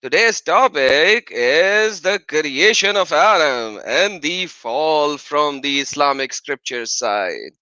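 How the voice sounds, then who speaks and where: A man hosting a casual live stream, enthusiastic and quick to laugh. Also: on the high side, expressive, sharp tone, no room sound. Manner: upbeat, enthusiastic, laughs often. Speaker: livestream host. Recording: dry, dull lo-fi stream audio.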